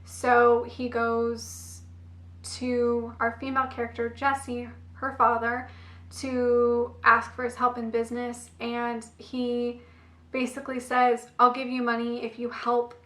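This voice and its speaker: A young woman chats casually through her book reviews, her voice fraying into slight hoarseness. Her voice sits a little high but stays fairly level in pitch, peppered with "like" and "I don't know." The room around her rings with echo. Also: monotone, takes it slowly, a bit bright. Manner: chatty, frequent "like" and "I don't know" fillers. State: voice going hoarse. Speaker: book vlogger. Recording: echoey room.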